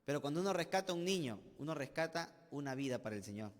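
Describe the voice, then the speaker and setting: A man with a Peruvian accent preaching a sermon as pastor, emphatic, with rhetorical questions and sudden loud bursts. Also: on the high side, lively intonation, fast talker. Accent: Peruvian Spanish. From Peru. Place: church sanctuary. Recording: long church reverb.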